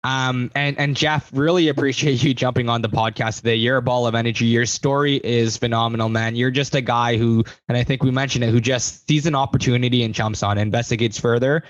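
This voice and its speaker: A man's voice: mid-range voice, steady tone, brisk, few pauses, no room sound, dull audio. A man hosting a podcast, speaking in an encouraging way as he praises his guest and wraps up the show. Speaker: podcast host. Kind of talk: casual interview chat.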